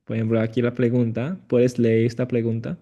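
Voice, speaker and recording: A man's voice: medium pitch, completely flat delivery, fairly quick, dark tone, highs cut off. A man teaching a language lesson, patient and prompting with frequent affirming murmurs. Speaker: Chinese teacher.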